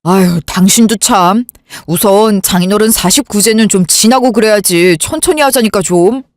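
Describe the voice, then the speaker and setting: A woman voicing a calm, stalling husband. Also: mid-range voice, moderate pace, dry recording, clean studio sound, close to an everyday voice. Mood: placating. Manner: soothing, stalling, keeps urging calm. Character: calm, evasive man, elder sister's husband. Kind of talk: Korean radio drama acting.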